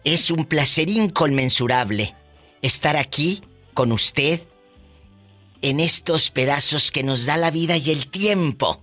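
A radio host with a Mexican Spanish accent, chatting with callers in a theatrical, flamboyant way. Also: male voice, a little high, slow pace, sharp tone, soft background music. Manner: theatrical, flamboyant, preachy asides. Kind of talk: radio call-in chat.

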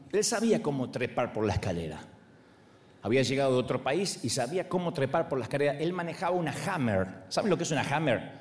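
A man in his forties with an Argentine accent, a pastor preaching a humorous sermon and acting out the voices in his stories. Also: mid-range voice. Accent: Argentine Spanish. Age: 40s. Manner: animated, acts out other voices, laughs along.

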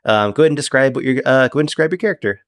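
A man's voice: medium pitch, very fast, no echo. Man narrating as game master. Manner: descriptive, relaxed, uses many fillers.

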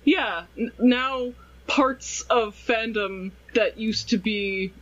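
A man's voice: high-pitched, slow, a bit bright. A man co-hosting a podcast in casual chat, rambling and sarcastic. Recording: slightly dull lo-fi recording.

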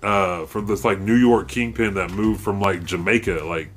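Low-voiced rambling podcast guy. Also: fairly even intonation, normal speed, slightly rough, soft background music. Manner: rambling storyteller, curses a lot, restarts often. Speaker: podcast co-host. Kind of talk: casual chat.

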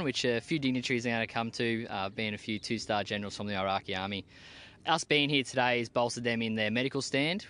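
Outdoors on a military base, a young Australian army team leader answers interview questions plainly and casually, dropping in some slang. His voice is medium-pitched and clean.

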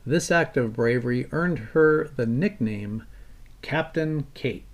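Man narrating history, earnest and measured. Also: medium pitch. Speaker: podcast host.

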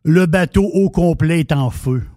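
A man's voice: fairly high pitch, measured pace, dark tone, dry recording, studio quality. A man with a Québécois French accent, co-hosting a radio show and telling a story in casual banter with many restarts.

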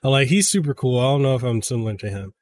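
A man in his thirties, a game reviewer guesting on a podcast, talking in an excitable way and often stumbling over repeated words. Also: medium pitch, rapid-fire. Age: 30s. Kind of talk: casual podcast chat.

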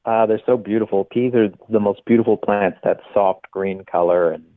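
A man's voice: lowish voice, normal speed, no room sound. A man on a phone call, a gardener and plant scientist being interviewed, polite and courteous in casual chat. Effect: over the phone. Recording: tinny dry phone line.

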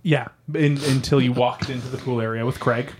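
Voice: mid-range voice, steady tone, fairly quick, slight background noise. A comedy podcast host questioning a character in an improvised interview, playful and laughing often.

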